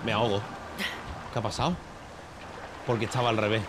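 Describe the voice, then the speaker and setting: A man's voice: fairly low pitch, level tone, a little fast, noisy background. A man, chatting casually on a live stream while he games, swearing freely and breaking into laughter.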